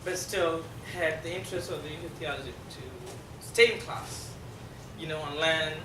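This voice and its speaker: A middle-aged South Sudanese man, a Dinka speaker, explains things to a class in a halting way, often pausing with fillers. His voice sits a little high for a man. The recording comes from a distance in an echoey room with a noisy background. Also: steady tone. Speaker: guest speaker. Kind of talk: classroom presentation.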